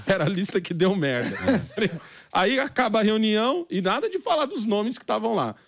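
A man's voice: high voice, big pitch swings, moderate pace, vocal fry, fairly bright tone, dry recording, studio quality. A man from Brazil, a podcast guest, telling slangy stories in casual chat and acting out the voices of people he quotes.

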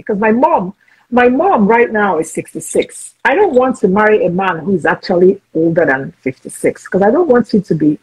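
A woman's voice: mid-range voice, a little mellow, breathy edge, low-quality recording. Chatty frank woman in her forties. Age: 40s. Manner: chatty, frank, talks over herself with restarts. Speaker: host. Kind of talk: casual video-call interview. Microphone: video call.

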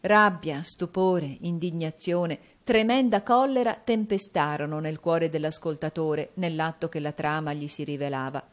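Audiobook narrator, woman, lower pitch, measured scripted narration. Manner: steady, measured storytelling.

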